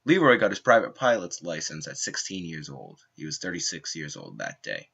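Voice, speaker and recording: A young man reading a scripted documentary narration in an earnest, dramatic way, with slow emphatic phrasing. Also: very deep voice, huge pitch swings, gravelly, a bit bright, breathy edge. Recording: dull lo-fi home mic.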